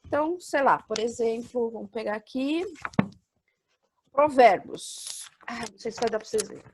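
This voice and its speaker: A Brazilian woman with a fairly high voice leads an online Bible course. She explains each point step by step. She often raises a student's question and then answers it herself. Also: moderate pace, background noise. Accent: Brazilian Portuguese. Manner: explanatory, asks and answers her own questions. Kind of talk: online class lecture.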